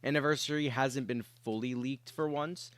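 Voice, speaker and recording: A man's voice: medium pitch, fairly even intonation, normal speed, no echo. A young man who is sick, chatting casually with his livestream viewers from his bedroom, rambling along with lots of fillers and the odd cough. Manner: rambling and laid-back, many fillers. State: sick, with coughs and throat clearing.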